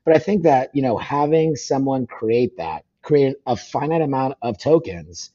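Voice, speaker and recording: A man talking fast as a podcast guest, rambling with lots of fillers and restarts. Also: medium pitch, expressive, warm tone, muffled recording. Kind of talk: casual podcast conversation. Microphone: phone call.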